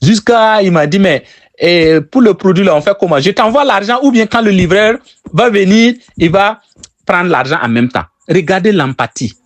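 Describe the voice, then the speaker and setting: A man's voice: high-pitched, expressive, normal speed, dry recording. A man from Burkina Faso with a Burkinabè French accent, teaching sales techniques and repeating his key phrases for emphasis. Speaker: sales trainer.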